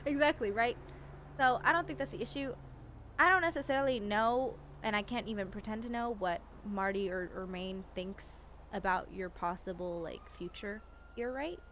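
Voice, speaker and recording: A woman's voice: medium pitch, moderate pace, fairly bright tone, slight background noise. A woman in an in-character roleplay chat, giving earnest advice full of "like" and restarts. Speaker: roleplayer in a gang.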